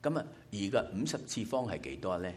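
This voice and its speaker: A male preacher delivering a sermon with a very deep voice. His pitch rises and falls with lively emphasis. He explains his points patiently, one step at a time, as he talks to his church gathering. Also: fairly quick, slight background noise. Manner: explanatory, working through numbers step by step.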